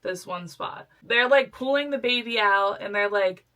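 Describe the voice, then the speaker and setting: Bright-voiced woman telling a lively story. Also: medium pitch, normal speed. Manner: animated storytelling, acting out quoted voices. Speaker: podcast co-host. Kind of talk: casual chat.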